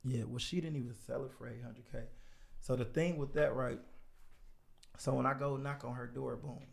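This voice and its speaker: A man guest on a podcast telling a story in casual chat, animated and acting out the people he quotes. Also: mid-range voice, normal speed, vocal fry, echoey room. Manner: animated, acts out quoted voices.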